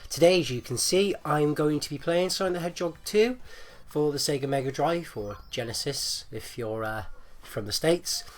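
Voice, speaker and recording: A man's voice: fairly high pitch, normal speed, hardly any pauses. Phlegmy man with a chesty rattle. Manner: hesitant, rambling, repeats himself. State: phlegmy, getting over flu. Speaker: gaming video host. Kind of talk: casual gameplay commentary.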